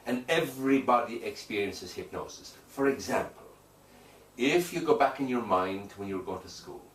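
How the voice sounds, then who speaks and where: A hypnotherapist's mid-range voice carries lively intonation at a moderate pace as he answers an interviewer. His replies are emphatic and declarative, with phrases repeated for weight, heard through a distant mic in an echoey room with faint noise.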